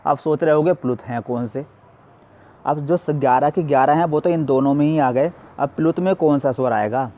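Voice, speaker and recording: A man's voice: a little high, moderate pace, lo-fi sound. A male teacher giving a classroom lesson, asking questions and answering them himself.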